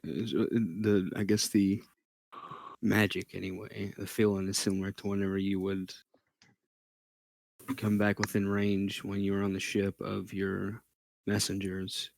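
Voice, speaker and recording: Gravelly low-voiced man running a tabletop game. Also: level tone, darkish tone. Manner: halting, thinking aloud as he describes scenes. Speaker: game master. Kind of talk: narrating a tabletop game to friends.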